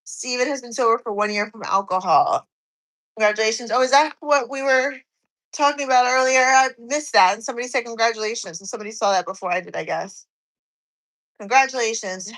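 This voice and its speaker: Woman in her 40s, a little out of breath, high-pitched and chatty, answering viewers mid-workout. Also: quick pace, fairly bright tone, rough recording. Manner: chatty, reads comments aloud and answers. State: slightly out of breath while doing cardio. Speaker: fitness streamer. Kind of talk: live stream chat reading comments.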